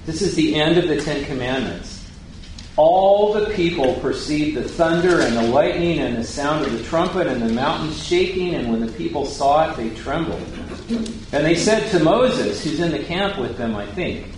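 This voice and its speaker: A man's voice: fairly high pitch, slight background noise. Man teaching scripture in an echoey hall. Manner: questions the audience, paraphrases scripture casually. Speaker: Bible teacher. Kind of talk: conversational Bible teaching. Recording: very echoey room, faint ambience.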